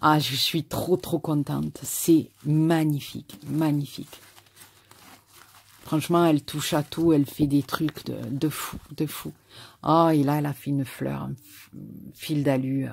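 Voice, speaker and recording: Gravelly effusive woman with a southern French accent. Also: sits low, flat delivery, unhurried, a little mellow. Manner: effusive, repeats words and stammers. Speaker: craft YouTuber. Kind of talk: casual mail-opening video.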